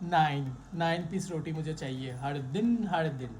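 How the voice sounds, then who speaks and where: A man's voice: fairly high pitch, a little slow, a little mellow, a little hiss or hum. A man co-hosting a casual home vlog, teasing and scolding his partner in a bossy way. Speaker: vlog co-host. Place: home room.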